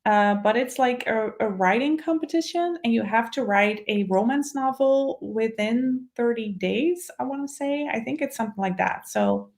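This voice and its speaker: A woman's voice: a little high, normal speed, few pauses, darkish tone. A woman in her thirties chatting casually as a live stream co-host, often feeling her way through her phrasing. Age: 30s. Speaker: online book channel co-host.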